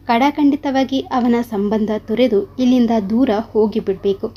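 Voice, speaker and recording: A woman reading a scripted story aloud in a steady, earnest way. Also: a little high, slightly rough, dull audio.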